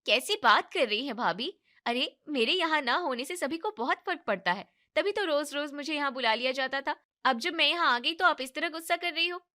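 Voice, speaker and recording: A woman voicing a lazy, demanding young married woman who gives orders in a bossy, entitled way in an animated story. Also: high voice, brisk.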